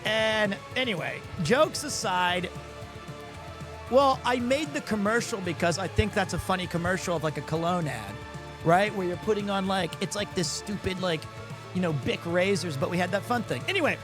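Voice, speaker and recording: This is a man in his forties from Missouri with a high voice and a normal speaking speed, chatting casually on a live stream as music plays. He pokes fun at himself in a goofy way, stumbling and beginning his sentences over.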